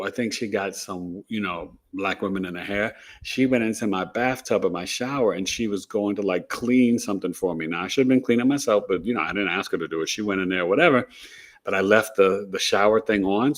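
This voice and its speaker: A man hosting an astrology livestream, chatting casually and telling animated stories with frequent laughter. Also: on the low side. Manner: animated storyteller, laughs often.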